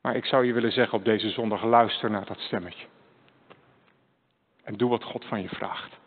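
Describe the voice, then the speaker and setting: A man's voice: fairly low pitch, fairly even intonation, moderate pace. A male preacher delivering a Sunday sermon, addressing his listeners directly with earnest questions and a personal story. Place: church. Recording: echoey church hall, tinny phone-like sound.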